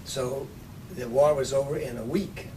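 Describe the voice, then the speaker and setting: Man in his nineties, oral history interviewee, unhurried with dry wit, distant mic with low rumble. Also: fairly even intonation. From Texas. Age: 90s. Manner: unhurried storytelling with dry humor. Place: office with large windows.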